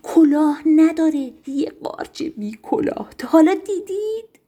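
A woman voicing a gossipy female turtledove in a bedtime story, spreading news in hushed tones that rise to excited squeals. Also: high-pitched, pitched above the performer's own voice. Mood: excited gossip.

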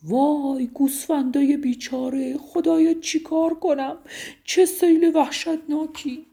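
A woman voicing a panicked male shepherd who cries out urgently in a high, strained voice, in a told bedtime story. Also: animated, mellow, breathy edge. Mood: despairing.

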